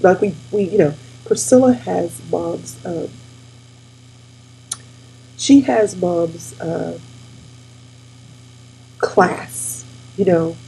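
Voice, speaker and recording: A woman in her forties talking casually and warmly to her viewers, tearful and near crying, calling them y'all. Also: fairly low pitch, extremely slow, vocal fry, long pauses, a little hiss or hum, low-quality recording. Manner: tearful, addresses audience as y'all. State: weepy, near tears. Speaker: host. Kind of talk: casual heartfelt talk to viewers.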